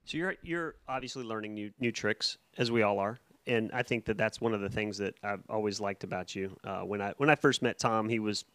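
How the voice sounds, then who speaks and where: A man's voice: fairly low pitch, brisk, few pauses, a bit bright, clear, resonant tone, no echo. Male interviewer, dry sound. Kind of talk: casual interview.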